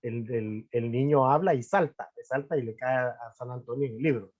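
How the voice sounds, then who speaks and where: A man moderating a panel discussion, speaking in a measured way with restarts. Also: mid-range voice, darkish tone. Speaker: host. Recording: muffled lo-fi audio.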